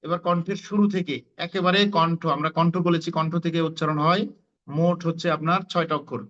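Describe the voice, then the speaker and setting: A man teaches Quran pronunciation, pausing on fillers and sounding out letters again and again. His voice sits a little high and rings bright and forceful. The audio is dull and lo-fi. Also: flat delivery. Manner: repeats letter sounds for students to copy, many fillers. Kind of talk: online Quran pronunciation class.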